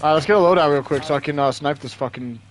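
A young man chatting casually while gaming with friends, excitable, swearing often and laughing a lot. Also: a little high, racing, slight background noise, poor audio. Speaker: streamer playing with friends. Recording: voice chat over loud game sounds.

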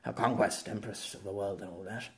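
A man's voice: lowish voice, normal speed, gravelly. A man voicing a shaken adult man who mutters to himself after a nightmare in an audio story. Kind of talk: audiobook character voice.

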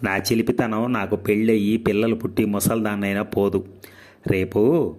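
A man's voice: lowish voice, fairly even intonation, moderate pace, darkish tone, close to an everyday voice. A man reading aloud voices a playful, talkative young woman who teases her elders. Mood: teasing. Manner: teasing, giggly.

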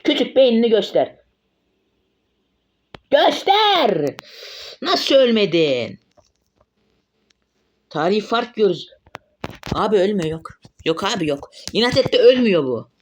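A man giving live gameplay commentary as a mobile game streamer, excitable and swearing often when frustrated. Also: high-pitched, moderate pace, pauses often, slight background noise.

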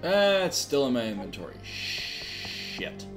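Male streamer, wry jokes, lively pitch, slow pace, game music behind. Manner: joking, wry asides. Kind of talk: live gameplay commentary.

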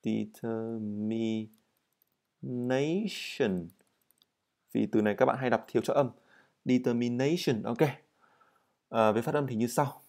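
This English vocabulary and pronunciation teacher has a mid-range voice with a darkish tone. He enunciates each word slowly and clearly, then moves fast through the explanation.

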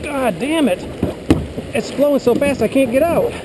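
A man's voice: very high voice, animated, normal speed. A middle-aged father kayaking on a river with his daughter, joking, apologizing and cussing a little as he paddles, recorded on an action camera on his kayak. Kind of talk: casual chat while paddling. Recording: outdoor river noise.

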